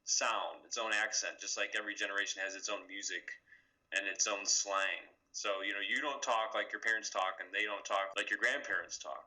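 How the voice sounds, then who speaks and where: Male author interviewee, lowish pitch, bright tone, relaxed explainer. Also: a little fast, rough recording. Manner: relaxed and conversational, with fillers. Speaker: author interviewed on regional speech.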